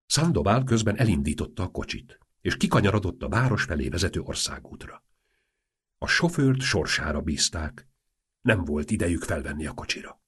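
Man, audiobook narrator, low pitch, husky, animated intonation, wry. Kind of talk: audiobook reading of a humorous novel.

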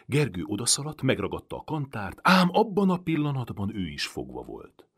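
A man narrating a storybook in a dramatic, expressive reading. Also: mid-range voice, slightly rough. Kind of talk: audiobook reading of a historical novel.

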